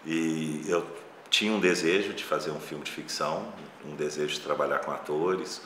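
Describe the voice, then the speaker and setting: A man's voice: very deep voice, steady tone, normal speed, fairly bright tone. A man with a Brazilian accent speaking casually and reflectively as a film director in an interview, with loosely phrased asides. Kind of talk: casual interview talk about his filmmaking. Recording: roomy echo, faint background noise.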